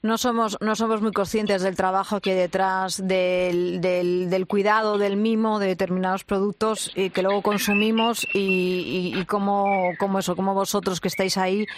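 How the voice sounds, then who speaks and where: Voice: mid-range voice, little pitch movement, normal speed, hardly any pauses. A radio host interviewing a guest in a chatty, sympathetic way with many small fillers.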